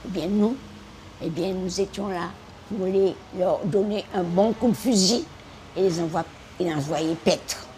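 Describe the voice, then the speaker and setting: A 100-year-old woman from French Guiana, a war veteran and retired teacher, shares her war memories in an interview. Her lowish, mellow, gravelly voice comes with a little hiss or hum. She stammers and repeats herself haltingly, then hammers her points home with emphatic, defiant exclamations and sound effects.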